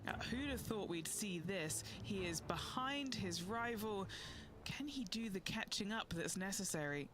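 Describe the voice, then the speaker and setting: A man's voice: sits high, animated, a little slow, noisy background. A man giving on-course sports commentary in a golf video game.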